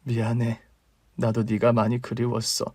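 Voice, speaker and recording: A man doing a calm, low older sister. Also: normal speed, slightly rough, dry recording. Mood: consoling. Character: young woman, steady caring older sister. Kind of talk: radio drama reading.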